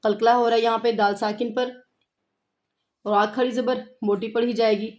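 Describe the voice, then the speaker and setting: A woman's voice: on the high side, flat delivery, darkish tone. Patient woman teaching Quran recitation. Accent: Pakistani Urdu. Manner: explains rules patiently, reciting words slowly and repeatedly. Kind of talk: tajweed lesson with slow recitation.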